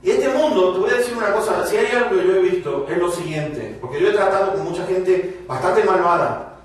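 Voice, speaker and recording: A pastor in a church hall preaches a sermon to his congregation, speaking emphatically as his somewhat fast, high-sitting voice rises and falls. The hall is very echoey, and the mic is distant, so he sounds far away.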